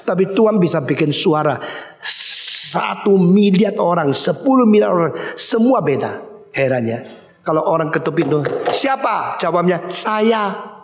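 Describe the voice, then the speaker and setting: An older man from Indonesia preaching a sermon as pastor, animated storytelling that acts out dialogue with sudden high bursts. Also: normal speed, reverberant.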